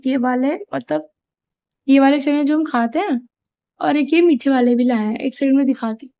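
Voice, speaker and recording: A woman's voice: high voice, gravelly, lo-fi sound. A young woman chatting casually in a home vlog, rambling and apologetic, with a sore throat. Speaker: vlogger. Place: family home, indoors.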